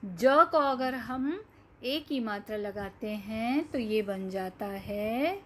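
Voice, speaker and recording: A woman teaching young children to read, speaking at a very slow, deliberate pace. Her voice sits fairly high. She draws out each word and repeats questions for the class. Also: animated. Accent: Hindi. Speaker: primary school teacher. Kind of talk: children's reading lesson.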